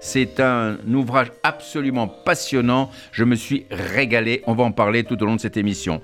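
Male radio host, formal studio introduction, some fillers, soft music bed. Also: medium pitch, fairly even intonation, normal speed. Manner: formal, reads a long guest introduction with fillers.

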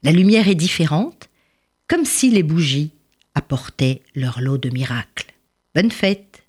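A woman telling a children's tale in an expressive storytelling style. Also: sits low, a little slow, slightly rough.

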